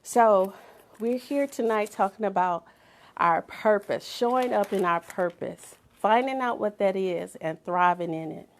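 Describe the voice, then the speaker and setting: A middle-aged woman, a motivational speaker and author, gives an emphatic inspirational talk, repeating phrases for effect and sometimes dropping to a whisper. Her voice is mid-range and she speaks a little slowly.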